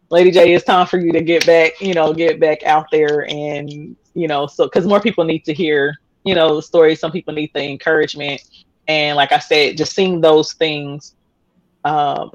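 A woman's voice: low voice, muffled recording, slight background noise. A woman in her thirties, a podcast guest telling her story candidly, rambling with many fillers and restarts and laughing often. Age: 30s.

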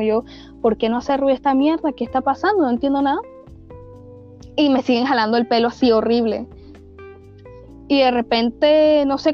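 A young woman with a Venezuelan accent tells a ghost story in casual, slangy chat, full of fillers and restarts. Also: on the high side. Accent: Venezuelan Spanish. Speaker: podcast storyteller. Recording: dull lo-fi recording with faint music.

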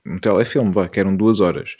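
A young man in casual chat, haltingly thinking aloud as he goes. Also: deep voice, steady tone, mellow, slightly rough.

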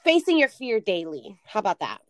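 A woman's voice: medium pitch, huge pitch swings, a little fast, no echo, studio quality. A woman co-hosting a casual podcast, joining remotely over the phone. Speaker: podcast co-host.

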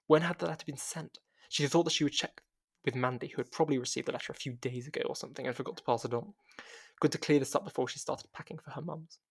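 A man reading a story aloud as narrator, in a steady pace with the odd restart. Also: mid-range voice.

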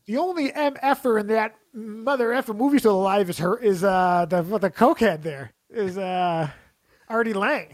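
Chatting casually, a man with a somewhat high voice wanders through joking anecdotes at a moderate pace, often starting his sentences over. The audio is close and dry, with no echo and no sense of a room.

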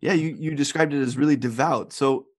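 A man's voice: medium pitch, steady tone, a little fast. A man hosting a podcast, talking casually and conversationally with his guest. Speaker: podcast host.

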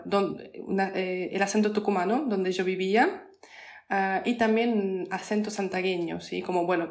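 Polish woman, podcast guest, hesitant and filler-heavy, roomy echo. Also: mid-range voice. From Poland. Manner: hesitant, many fillers and restarts, explains patiently. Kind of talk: casual interview chat.

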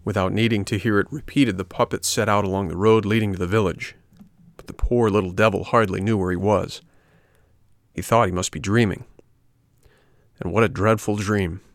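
A man narrating a classic storybook in a measured, expressive reading. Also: lowish voice, no echo, studio quality.

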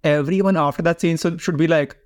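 A young man in casual film-review chat, animated and acting out lines from the movie. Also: fairly high pitch, brisk, no room sound, studio quality. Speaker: film podcast co-host.

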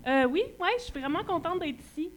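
A woman's voice: high voice, quick pace, natural voice. A woman playing a cheerful, naive woman killer turned show host, chatty and giggly. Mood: breezy. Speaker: comedy sketch guest. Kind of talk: improvised comedy sketch.

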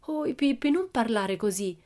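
A woman's voice: a little high, lively intonation, a little slow, darkish tone, pitched above the performer's own voice. A woman voicing a timid, anxious little girl who speaks in a hesitant, worried way. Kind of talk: audiobook character voice.

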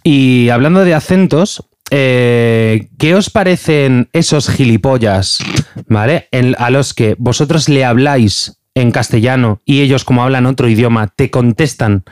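A man's voice: mid-range voice, measured pace, a little mellow, clear, resonant tone, no room sound. Chatty man from Valencia, dry mic. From Valencia, Spain. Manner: chatty, peppers speech with "¿vale?". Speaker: podcast co-host. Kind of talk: casual chat.

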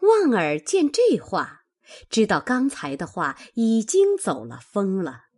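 Expressive, breathy-voiced woman storyteller. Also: medium pitch, slow pace. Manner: expressive dramatic narration. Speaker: narrator. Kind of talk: storytelling reading of a classical novel.

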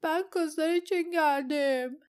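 Woman doing a wailing terrified young squire. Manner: high, drawn-out pleading wails.

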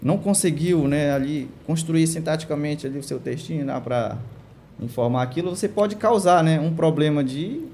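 A man's voice: on the high side, moderate pace, mellow, a little hiss or hum. A man explaining language use on a talk show panel, patient and full of tag questions. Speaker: language teacher guest.

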